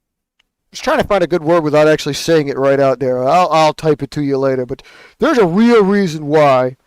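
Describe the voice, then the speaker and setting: A man's voice: a little high, expressive, normal speed, smooth, dry recording. A man hosting a paper airplane show, talking in a rambling, profane, exasperated rant. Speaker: podcast host building paper planes. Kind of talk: casual ranting chat.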